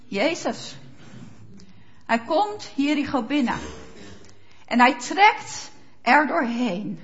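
A woman's voice: high voice, very animated, extremely slow, lo-fi sound. A woman preacher giving a sermon, speaking emphatically and asking rhetorical questions of her listeners. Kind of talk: sermon with Bible reading.

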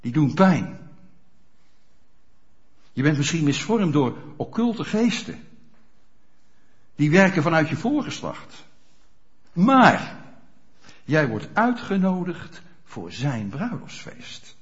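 A pastor preaching a sermon in a church, speaking straight to the congregation with frequent rhetorical questions. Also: male voice, on the high side, takes it slowly, long pauses. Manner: animated, addresses congregation directly with rhetorical questions. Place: church hall. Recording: dull lo-fi church recording.

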